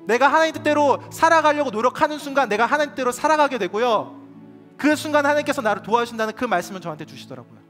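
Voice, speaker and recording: A man with a notably high voice preaches to a youth congregation. He sounds earnest and confessional and addresses his listeners directly. Soft music plays faintly behind him. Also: lively intonation, racing. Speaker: youth pastor. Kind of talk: sermon. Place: church youth service.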